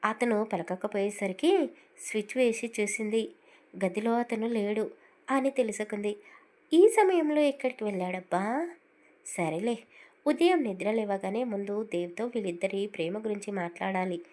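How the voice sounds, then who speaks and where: A woman's voice: mid-range voice, normal speed, darkish tone. A woman narrating a romance audio story, lifting her voice a little for the characters' lines.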